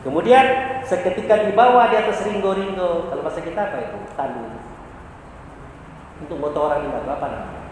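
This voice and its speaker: A man's voice: fairly high pitch, fast, pauses often, darkish tone, slight background noise. A male preacher gives a conversational religious lecture, acting out imagined questioners. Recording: echoey hall, distant mic, faint ambience.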